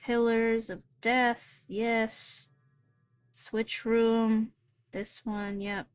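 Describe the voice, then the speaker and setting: Slow-talking giggly woman streamer. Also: fairly high pitch, level tone, clean tone. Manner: giggly, playful, self-mocking. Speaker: VTuber streamer. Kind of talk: casual gameplay commentary. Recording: faint game music behind. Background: faint game music.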